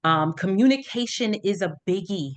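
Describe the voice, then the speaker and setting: A middle-aged American woman hosts a parent support group over an online video meeting, speaking informally and frequently checking in with her listeners. Her voice sits at medium pitch with lively intonation and a normal speed. The video-call audio carries slight background noise.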